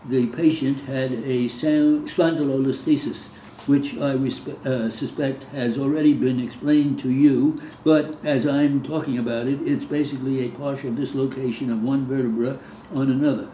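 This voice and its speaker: A man's voice: medium pitch, fairly even intonation, normal speed, dark tone. A man dictating courtroom testimony, reading out the questions, answers and speaker labels from a script. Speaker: reader dictating a court transcript. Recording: roomy echo, faint background noise.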